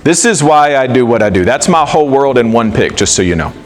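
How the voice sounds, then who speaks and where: A middle-aged man giving an animated, conversational talk to a live audience, acting out quoted dialogue. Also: medium pitch, a little fast, soft background music. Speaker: speaker.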